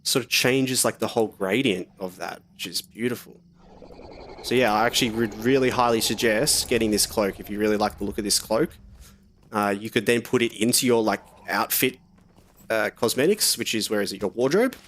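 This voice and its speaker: A young man live-streams a game, chatting casually and rambling with lots of fillers while a little sick and sniffly. His voice is lowish and a little fast, and there is slight background noise.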